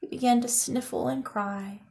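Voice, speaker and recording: Her voice a touch high for a woman and carrying some vocal fry, a teacher reads a picture book to children at normal speed. She narrates with lively expression, lifting her voice at the exciting moments.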